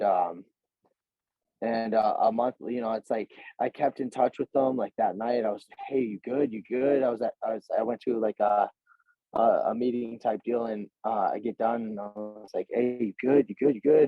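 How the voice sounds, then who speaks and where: A man in his twenties speaks as a guest in a casual interview. His voice is husky and gravelly, and he talks slangy and earnest, swearing freely and acting out both sides of the conversations he recalls. The recording sounds dry and a bit dull, like a lo-fi setup. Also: lowish voice, fairly even intonation, moderate pace, no room sound. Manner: slangy, swears freely, says "bro" a lot; retells scenes by voicing both sides of the talk. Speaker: interview guest, pro fighter.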